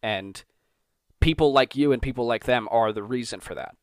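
A podcast host with a mid-range voice talks at normal speed in a dry, clean studio recording. Interviewing a guest, he rambles in long, enthusiastic stretches and repeats himself.

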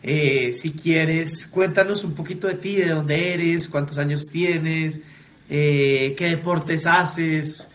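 High-pitched Colombian man, podcast co-host. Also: fairly even intonation, slow, a bit bright. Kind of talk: casual chat.

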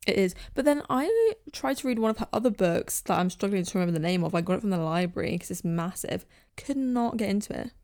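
A young woman, co-hosting a casual podcast chat, telling things in a relaxed, rambling way. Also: mid-range voice, fast talker, hardly any pauses. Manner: relaxed storyteller, rambling asides. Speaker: podcast co-host.

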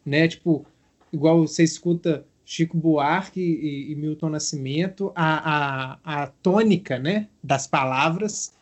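A chatty Brazilian man interviews a guest in a relaxed conversation. His voice sits a little high for a man, and he sounds enthusiastic and quick to praise. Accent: Brazilian Portuguese. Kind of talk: casual interview chat.

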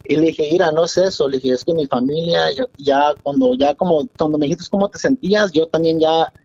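A man's voice: on the high side, a little fast, vocal fry, a little mellow, no room sound. A man calling in to a radio show, telling a long confessional story in a rambling way over a dull phone line. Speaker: caller.

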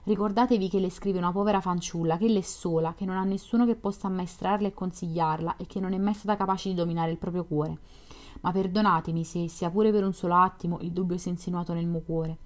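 A woman's voice: lowish voice, steady tone, fast, a little mellow, lightly acted. A woman voicing a young man from a classic storybook, an eager dreamer who earnestly persuades and reassures. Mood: fervent.

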